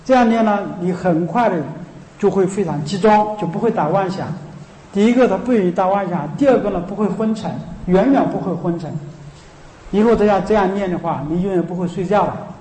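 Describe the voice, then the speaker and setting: A man's voice: high voice, dark tone, echoey room, in a large hall, low-quality recording. A man teaching a Buddhist chant, explaining the breathing and meaning in an earnest, instructive way. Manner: slow drawn-out chanting alternating with earnest spoken explanation.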